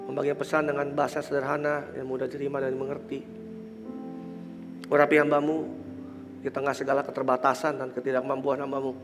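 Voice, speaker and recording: Heard in a large church hall, a mid-range male voice with an Indonesian accent and nasal, congested quality delivers a sermon and leads prayer. The pastor mixes English phrases into his speech, moving from emphatic preaching to soft murmured prayer.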